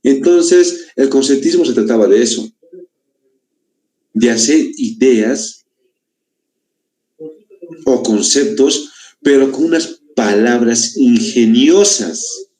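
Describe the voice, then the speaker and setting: A man's voice: medium pitch, lively intonation, dark tone. A man from Bolivia teaching a literature lesson to exam applicants, explaining step by step with rhetorical questions and many tag questions. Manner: deliberate, stretches key words slowly.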